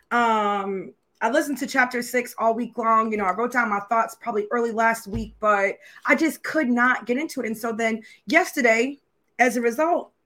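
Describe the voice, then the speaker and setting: A woman's voice: a little high, fairly bright tone. A woman pastor talking candidly with her online congregation, laughing at herself and asking them questions. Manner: candid and self-deprecating, laughing often, asking viewers questions. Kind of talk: casual, conversational sermon opening to an online congregation.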